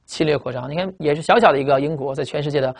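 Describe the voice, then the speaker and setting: Speaking at a fairly high pitch, a male lecturer works through English vocabulary in a recorded class. Fast explanations, heavy repetition, and plenty of tag questions mark his delivery.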